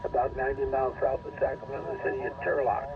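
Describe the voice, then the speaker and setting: A man's voice: medium pitch, little pitch movement, a loud crowd. Older man calling over ham radio. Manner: slow, repetitive call-sign calling. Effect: heard over a ham radio receiver. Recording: muffled, distant radio with static.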